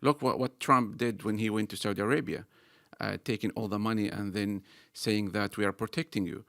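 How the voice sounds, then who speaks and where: A man's voice: fairly low pitch, steady tone, brisk, gravelly, fairly bright tone, dry recording, clean studio sound. A man from Gaza, arguing earnestly in a debate with many fillers and restarts. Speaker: panel speaker. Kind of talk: debate argument.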